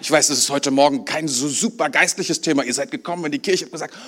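A man's voice: a little high, quick pace, fairly bright tone. A male pastor preaching a sermon in church, talking conversationally and putting questions to the congregation.

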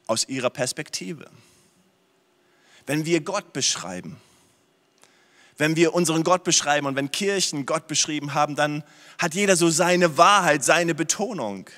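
A man with a somewhat high voice preaches as a pastor, stressing his points by repeating phrases. He moves between loud passages and hushed ones. His voice carries a long reverb from a large hall. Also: expressive, measured pace, long pauses. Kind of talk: sermon.

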